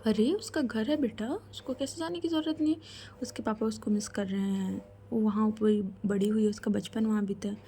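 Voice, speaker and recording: A woman voicing a kind middle-aged mother who speaks gently and reassuringly. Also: mid-range voice, steady tone, normal speed, slight background noise, natural voice. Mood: gentle.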